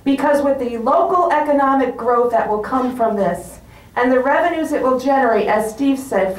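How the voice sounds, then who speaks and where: Echoey, high-pitched woman giving a rally speech. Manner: deliberate, emphatic phrasing in short pauses. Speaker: rally speaker. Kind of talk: rousing political rally speech. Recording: roomy echo, distant microphone.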